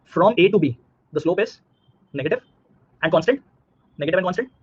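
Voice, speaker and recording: Indian guy teaching a live class online, husky voice, repeats stuff and asks questions, bit muffled audio. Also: high voice, lively intonation, fairly quick. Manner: repeats himself, checks understanding with questions.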